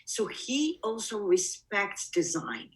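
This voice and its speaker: A woman's voice: mid-range voice, huge pitch swings, takes it slowly, poor audio. A woman from Bulgaria, a production designer, speaks as an interview guest in a reflective way, often restarting her sentences. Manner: reflective, talks in restarts and asides. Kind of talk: casual interview conversation.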